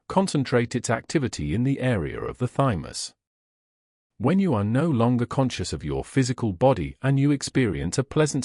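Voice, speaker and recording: Man reading spiritual lesson, slow and solemn, dry close mic. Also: medium pitch, a little mellow, no room sound. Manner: measured, solemn instruction. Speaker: reader of esoteric lessons. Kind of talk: scripted narration.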